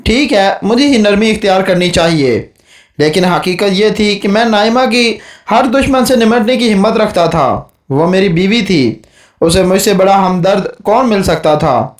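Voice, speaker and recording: High-voiced man narrating a horror audiobook. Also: animated, roomy sound, distant mic. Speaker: storyteller.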